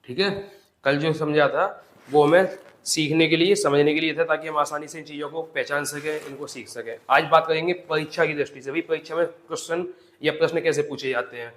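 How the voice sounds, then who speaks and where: A man teaching an exam-prep grammar lesson, explaining step by step and repeating example words slowly. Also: a little high, steady tone, a bit bright. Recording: echoey room.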